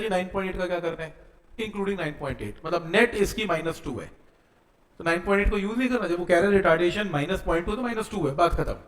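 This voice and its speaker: Male physics teacher, high voice, roomy echo, step-by-step explainer. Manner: explains step by step, checking in with students. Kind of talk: exam-prep physics lesson.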